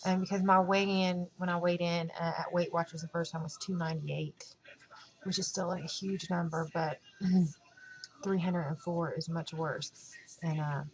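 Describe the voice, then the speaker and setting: A woman's voice: lowish voice, steady tone, unhurried, a little mellow, slight background noise, rough recording. A woman vlogging in casual chat to camera, rambling with lots of fillers.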